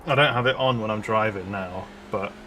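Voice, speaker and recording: A man's voice: lowish voice, brisk, pushed and bright, slight background noise. A man streaming a sim race, chatting casually and swearing freely while he drives. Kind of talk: casual gaming chat.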